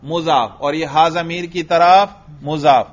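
A man's voice: fairly high pitch, fairly even intonation. A man teaching grammar in a classroom, quizzing and patiently praising a student. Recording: dull lo-fi recording.

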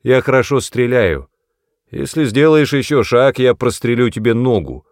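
A man reading the part of a commanding male police lieutenant who barks loud, clipped orders in an audiobook. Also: medium pitch, expressive, moderate pace, no room sound, studio quality, pitched above the performer's own voice, natural voice.

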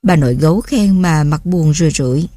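A woman's voice: sits low, quick pace, mellow, no echo, clean studio sound. A mother reading her own story aloud in a tender, reflective way. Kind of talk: reading a personal memoir aloud.

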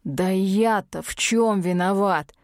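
A woman reading an audiobook, voicing a tense, furious young male necromancer in a low, strained voice. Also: slow, dry recording, studio quality. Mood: tense, angry.

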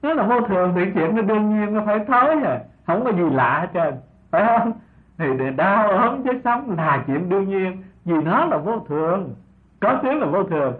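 An older monk preaches a slow, gentle sermon, his pitch rising and falling freely. He keeps asking rhetorical questions and chuckles softly between points. It is heard through a thin, tinny old recording. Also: expressive. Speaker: Buddhist monk teacher. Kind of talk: dharma talk sermon.

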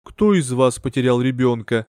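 A man voicing a composed young aristocratic woman who speaks calmly and politely. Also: moderate pace, no echo, clean studio sound, close to an everyday voice. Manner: calm, polite, low-key.

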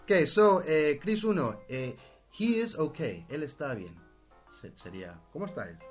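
A man's voice: a little high, very animated, unhurried, husky, soft background music. A man hosting a radio English lesson, prompting his students in a playful, joking way. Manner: playful, prompting, laughs often. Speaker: radio English teacher and host. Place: radio studio.

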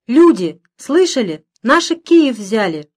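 A woman's voice: fairly high pitch, very animated, takes it slowly, full character voice. A woman reading an audiobook, voicing an overjoyed young girl who calls out eagerly. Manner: shouting out eagerly.

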